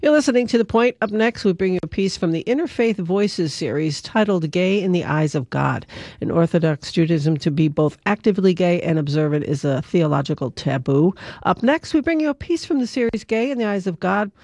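Woman, radio announcer, bright delivery, dry studio sound. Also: lowish voice, expressive, brisk, no echo.

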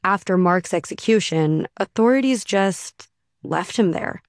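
A woman reporter narrates a scripted radio feature, telling the story in a steady, measured way. The recording is dry and close, and her voice sits at a middle pitch. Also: no room sound.

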